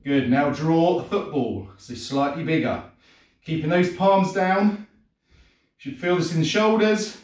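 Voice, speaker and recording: A man's voice: a little high, measured pace. Echoey, distant middle-aged male fitness instructor. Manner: coaching during exercise in short encouraging commands. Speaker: fitness and martial arts instructor. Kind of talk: live-streamed exercise class instruction. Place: indoor home gym, hard walls. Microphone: distant camera mic across the room. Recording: echoey room, far from the mic.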